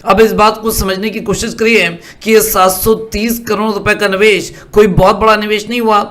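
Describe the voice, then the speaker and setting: High-pitched male market commentator, patient explainer tone. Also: a bit bright. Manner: explanatory, asks "are you following me" often. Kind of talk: screen-share market commentary.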